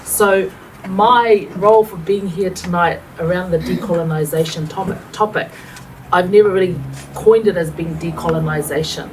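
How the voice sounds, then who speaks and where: A woman's voice: lowish voice, moderate pace, darkish tone. A woman from New Zealand with a New Zealand accent, speaking earnestly as a panelist with fillers. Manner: earnest, reflective, many fillers. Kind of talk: panel discussion talk. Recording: distant mic with faint room noise.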